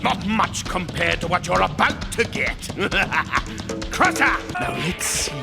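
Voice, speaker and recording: An actor playing a pompous, scheming, hot-tempered crocodile king in a cartoon, with a gravelly voice and melodramatic delivery. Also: high voice, sing-song, slow pace, exaggerated voice. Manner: pompous, melodramatic, bellowing then silky. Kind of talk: theatrical cartoon villain acting. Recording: cartoon soundtrack with loud music.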